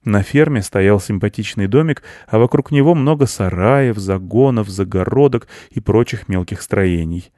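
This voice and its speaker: A man with a lowish voice narrates a children's storybook in a calm, even telling. The recording is dry and close, with no room sound. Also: normal speed, few pauses, no echo. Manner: calm storytelling, plain farmer voice for dialogue.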